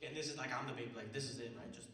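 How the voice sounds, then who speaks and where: A young man of Mexican heritage does a stand-up set on a small theater stage before a live audience, talking loosely and profanely with plenty of fillers and slang. His medium-pitched, fairly bright voice is rapid-fire with fairly even intonation, and a distant mic picks up roomy theater sound and the audible crowd.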